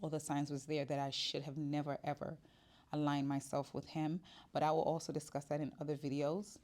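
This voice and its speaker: A woman in her 40s, talking to the camera in her shop, delivers a casual personal vlog with a flat, brisk, low voice and darkish tone. She speaks candidly, with many fillers and restarts.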